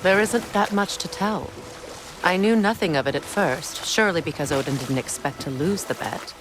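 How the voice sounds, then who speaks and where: A woman playing a proud, weary goddess queen who speaks in a measured way with dry sarcasm. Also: on the low side, animated, natural voice. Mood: wry. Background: game music.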